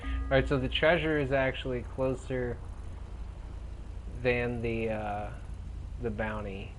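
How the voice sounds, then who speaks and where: A man's voice: mid-range voice, little pitch movement, takes it slowly, soft background music. A young man giving casual, rambling, slangy and profane commentary while playing a video game. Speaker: gaming commentator. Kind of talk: casual let's play commentary. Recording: clearly noisy, game engine sounds behind.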